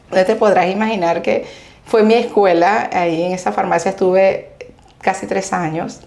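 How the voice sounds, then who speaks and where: A woman's voice: mid-range voice, normal speed, vocal fry. Venezuelan woman telling stories. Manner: animated storyteller, laughs while recounting anecdotes. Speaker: guest. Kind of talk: conversational interview storytelling.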